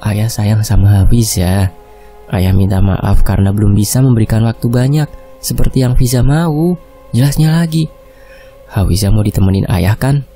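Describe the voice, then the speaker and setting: A man voicing a patient male doctor who talks softly and soothingly to a child. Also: fairly low pitch, normal speed, soft background music, natural voice. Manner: soft, soothing.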